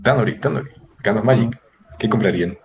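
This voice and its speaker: A man's voice: on the low side, a little fast, gravelly, a little mellow, a little hiss or hum. A man with a Mexican accent hosting a casual group chat, crude, slangy and bossy with his friends. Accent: Mexican Spanish. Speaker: host.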